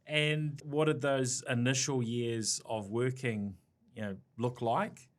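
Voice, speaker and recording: A man's voice: mid-range voice, steady tone, slow. A man with a New Zealand accent hosting a business podcast, friendly and loose, with many fillers and restarts. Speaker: podcast host. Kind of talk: podcast interview.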